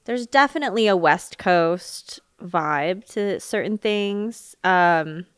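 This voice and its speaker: Chatty woman with a low, dry voice. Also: expressive, slow, clean tone, no room sound. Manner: bubbly, laughs often, chatty with fillers. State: slightly choked up from allergies. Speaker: wardrobe stylist guest. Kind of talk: casual interview chat.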